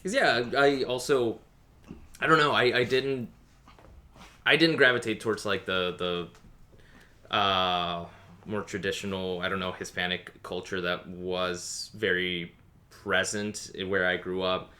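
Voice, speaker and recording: A man's voice: sits low, steady tone, a little slow, sharp tone. A man hosting a casual interview, hesitant and thoughtful, with lots of fillers. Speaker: interviewer host.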